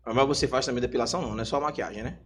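A man's voice: medium pitch, rapid-fire, slight background noise. A man hosting a live podcast, joking and teasing while reading out viewer comments in casual chat. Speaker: podcast host.

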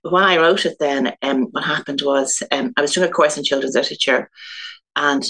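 A woman's voice: low-pitched, brisk, fairly bright tone. A woman from Dublin with an Irish accent, a guest author chatting casually in an interview, rambling through stories and laughing often. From Ireland (Dublin).

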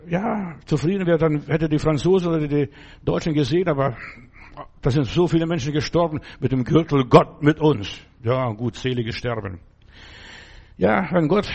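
An older man delivers a loose, emphatic sermon, with a voice sitting a little high for a man. He talks like a chat, often turning to the listener with a question. It sounds like a radio broadcast. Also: a little mellow. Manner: emphatic, conversational, repeats "verstehst du". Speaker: preacher. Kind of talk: informal sermon.

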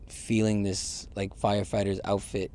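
A man's voice: on the low side, monotone, moderate pace, a little mellow, a little hiss or hum. A man in a candid confessional monologue, rambling with many fillers and some swearing. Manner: rambling, heavy use of fillers and profanity. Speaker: vlogger.

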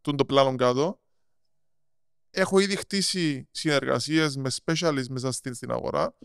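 A man with a Cypriot Greek accent explaining things in casual interview talk, halting and repeating words as he goes. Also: mid-range voice, vocal fry, smooth, dry recording, studio quality. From Cyprus. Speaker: podcast guest, marketing strategist.

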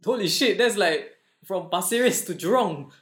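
Young Singaporean male, slightly high voice, expressive casual Singlish chat, recorded in a reverberant room. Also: moderate pace. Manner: colloquial Singlish with frequent sentence-final particles; expressive, exclamatory reactions. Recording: echoey room.

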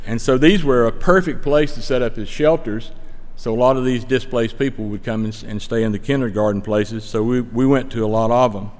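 A man with a Stokes County, North Carolina accent gives a church a folksy, earnest mission trip report, speaking plainly and conversationally over slides. His mid-range, darkish voice is fairly quick with hardly any pauses. Long hall reverb fills the recording.

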